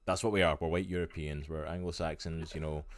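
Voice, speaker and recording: Scottish man, very low voice, casual rambling talk, interview. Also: flat delivery, a little fast. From Scotland. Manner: rambling, many restarts. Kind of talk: casual conversation.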